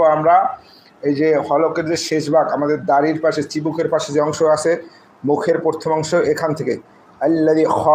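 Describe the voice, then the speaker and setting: Man slowly spelling out verses. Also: a little high, slight background noise, rough recording. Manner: slow, drawn-out syllable-by-syllable spelling with recited verses. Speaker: Quran recitation teacher. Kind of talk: spelling out and reciting Arabic letter by letter in a live class.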